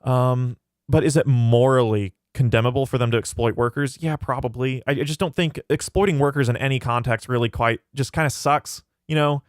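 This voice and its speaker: A man's voice: medium pitch, fairly quick, no echo, studio quality. A man hosting his own livestream, thinking aloud as he answers questions from the live chat. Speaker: channel host reading live chat. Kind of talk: casual livestream talk.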